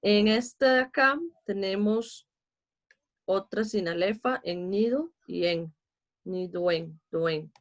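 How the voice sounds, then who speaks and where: Speaking slowly at a medium pitch, an adult Costa Rican woman with a child teaches online. She takes poetry meter one step at a time, patiently counting each syllable aloud.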